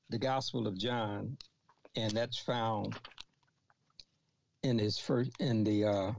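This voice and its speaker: Slow gravelly man teaching scripture. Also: medium pitch, darkish tone, no echo. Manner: halting, repeats and restarts phrases, reads scripture aloud. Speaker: Bible teacher. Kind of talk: slow expository Bible teaching. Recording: dull lo-fi recording.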